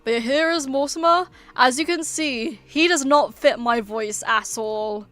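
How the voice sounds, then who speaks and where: A woman streamer with a high, slightly bright voice chats casually at a somewhat slow pace. She rambles and hesitates, filling gaps with lots of "um" and "like," while faint music plays in the background.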